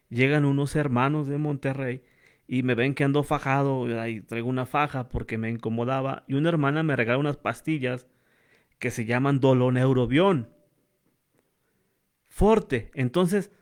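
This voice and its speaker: A man's voice: medium pitch, normal speed. A middle-aged man, telling a personal story in a church talk and addressing listeners as brothers. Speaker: church speaker. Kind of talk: informal testimony and preaching.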